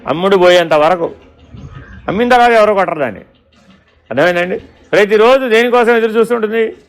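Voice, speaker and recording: Male spiritual teacher, high-pitched and gravelly, questioning, storytelling discourse. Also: expressive, fast. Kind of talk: Vedanta discourse.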